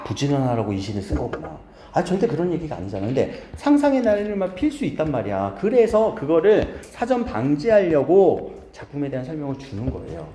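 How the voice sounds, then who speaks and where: A man's voice: mid-range voice, warm tone, a little hiss or hum. A man teaching a poetry lesson to a small class, often asking his students questions. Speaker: Korean literature teacher. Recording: roomy classroom echo.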